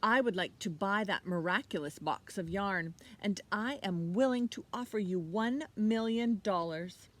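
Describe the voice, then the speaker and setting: A woman's voice: medium pitch, measured pace, hardly any pauses, lightly acted. A woman voicing a pompous, demanding male archduke from a storybook, declaiming imperiously, recorded outdoors. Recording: outdoor recording with background noise.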